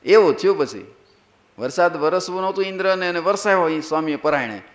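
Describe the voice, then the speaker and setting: A man's voice: high voice, fairly quick. A man who is a monk preacher, telling a sacred story as a sermon. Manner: lively storytelling, acts out characters.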